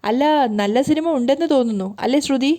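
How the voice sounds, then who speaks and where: Woman doing a curious young woman, questioning, mellow, a bit high. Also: moderate pace, natural voice.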